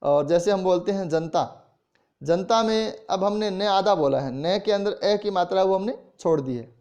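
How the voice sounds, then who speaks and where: A man with a Rajasthani Hindi accent teaches a college class in a fairly high voice. He explains patiently, point by point. He says words aloud to show how they sound. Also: darkish tone, smooth. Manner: explains slowly, demonstrates pronunciation aloud. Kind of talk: classroom lecture.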